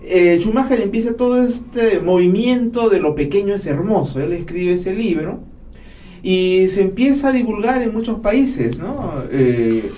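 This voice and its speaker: A man's voice: high voice, lively intonation, measured pace, dark tone. A man, a forestry specialist who is a guest in a radio interview, explaining his points carefully and often tagging his sentences with a questioning "¿no?". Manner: explanatory, with "¿no?" tags and restarts. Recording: distant mic with faint ambient noise.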